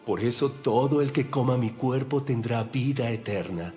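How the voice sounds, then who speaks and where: A man playing Jesus as a solemn, assured teacher in a dramatized audio Bible, with deliberate, declarative delivery. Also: medium pitch, dark tone, faint music behind, natural voice.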